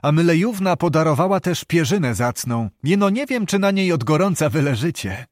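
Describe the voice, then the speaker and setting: Old gruff knight uncle, read by a man, blunt archaic speech, storybook figure, dry close sound. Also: a little high, expressive, a little fast, no room sound, close to an everyday voice. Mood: practical.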